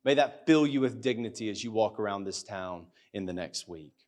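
A man's voice: on the low side, expressive, moderate pace, a little mellow. A man preaching a sermon in a school hall, earnest and speaking into a microphone, now and then acting out his listeners' doubts in a livelier voice. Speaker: pastor. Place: school hall church gathering. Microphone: handheld or stand microphone.

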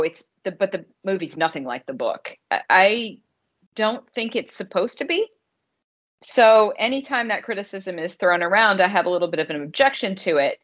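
A woman with a mid-range voice co-hosts a casual film podcast, explaining her opinions as a critic in an articulate, conversational way. The sound is lo-fi.

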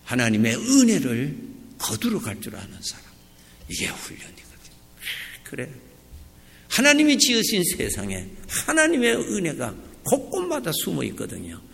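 A man preaching a sermon as a pastor, lively and emphatic, with loud peaks and quiet asides. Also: a little high, normal speed, gravelly. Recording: reverberant church hall.

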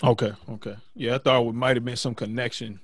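A man of middle pitch co-hosting an interview and pressing with follow-up questions. The sound is dry, with no room around it. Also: steady tone, fast talker, dry recording. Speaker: co-host. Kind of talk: podcast interview.

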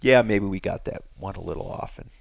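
A man who designs outdoor gear, talking as a guest in a casual chat, animated and quick to laugh. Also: deep voice, creaky, dry recording. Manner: animated, laughs often, lively storytelling.

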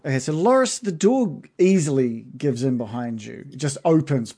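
A man running a tabletop game as game master, narrating casually in a halting, descriptive way. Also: mid-range voice, expressive, dark tone.

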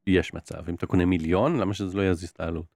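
A man's voice: deep voice, gravelly, no room sound. A middle-aged man in casual chat, explaining at ease with hesitant restarts. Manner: relaxed, explains with hesitant restarts and quoted voices. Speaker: podcast co-host.

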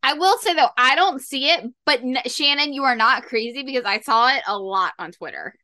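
A woman's voice: sits high, animated, brisk, bright, forceful tone, no room sound, studio quality. A woman co-hosting a podcast, chatting eagerly about a TV show and using fan slang. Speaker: podcast co-host. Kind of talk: casual TV recap chat.

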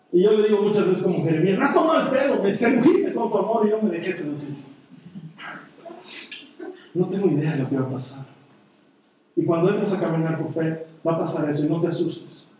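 A man preaching a sermon, telling personal stories in an earnest way and often dropping into a soft, quiet voice. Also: sits high, slight background noise. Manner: earnest, personal storytelling with sudden soft drops. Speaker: pastor. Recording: echoey hall, voice from far off.

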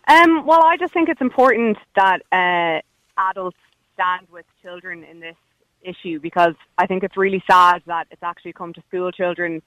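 A woman's voice: fairly low pitch, moderate pace, a bit bright, no room sound, poor audio. A woman with a west of Ireland accent, calling in to a radio phone-in to debate, challenging but hesitant with ums. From Galway, west of Ireland. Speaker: phone-in caller.

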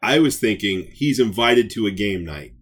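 A podcast co-host with a fairly low voice and lively intonation chats casually at normal speed. He's slangy and enthusiastic as he riffs on movie ideas.

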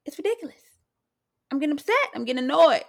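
A woman co-hosting a casual chat podcast, ranting in an animated way and repeating her phrases. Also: high voice, fast, gravelly. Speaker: podcast co-host.

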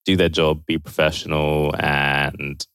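A man's voice: a bass voice, little pitch movement, a little slow, a bit bright, clear, resonant tone, no room sound, clean studio sound. A man chatting casually as a podcast guest, speaking plainly. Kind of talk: casual chat.

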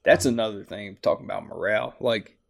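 A man with a fairly low, gravelly voice chats in a relaxed, buddy-like way, dropping swear words casually. He sounds like a veteran swapping stories. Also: a little fast. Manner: laid-back, profane, chummy. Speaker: podcast guest, Army veteran. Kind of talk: casual conversational interview.

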